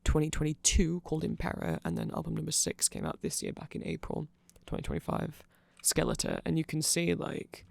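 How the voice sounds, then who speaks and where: Here the male ASMR creator sounds a little high and creaky, recorded without room sound. His band-lore explainer is loose and nerdy, broken up by frequent hesitations and self-interruptions.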